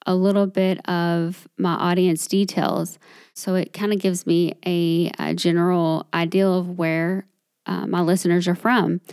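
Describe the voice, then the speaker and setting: Woman podcast host, chatty and upbeat, unhurried delivery, dry close sound. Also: fairly low pitch, darkish tone, clear, resonant tone, no room sound. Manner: chatty, upbeat, self-deprecating. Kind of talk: solo podcast monologue.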